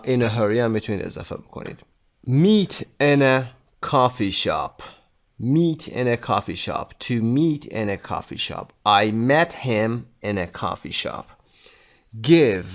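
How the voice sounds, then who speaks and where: A man with a Persian accent teaching an English lesson, reading English slowly and clearly and explaining points quickly in Persian. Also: medium pitch.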